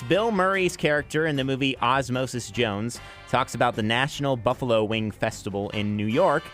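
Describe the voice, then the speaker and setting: Speaking close to a broadcast mic in a radio studio, this American afternoon drive DJ segues between songs and reads sponsor spots. He has a medium-pitched, fairly bright voice.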